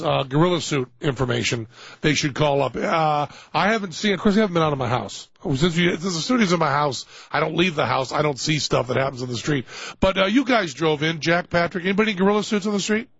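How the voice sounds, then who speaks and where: A raspy, gravelly man with a New England accent hosts a loose radio show from his home studio, sputtering into comic outrage. The sound is dry and dull, like a lo-fi broadcast. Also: on the high side, fast talker, no room sound. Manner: excitable, sputtering mock outrage. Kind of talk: casual radio talk.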